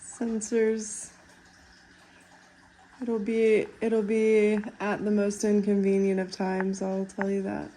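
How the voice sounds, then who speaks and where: Woman, dry teasing chat, flat mellow delivery, light background noise. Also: mid-range voice, takes it slowly, low-quality recording. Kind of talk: casual chat. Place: garage.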